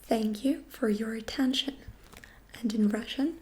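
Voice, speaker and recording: A woman whispers through an ASMR language lesson, her voice slightly high yet mellow. She moves very slowly and gently, repeating each phrase again and again. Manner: gentle, soft-spoken. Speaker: ASMR creator teaching phrases.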